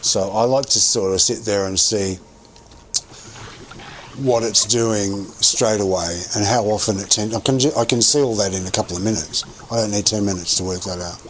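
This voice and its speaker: Low-voiced man thinking aloud while gaming. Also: normal speed, a little hiss or hum. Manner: rambling, thinking aloud with many restarts; chewing gum while talking. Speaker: game streamer. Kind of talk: casual gameplay commentary.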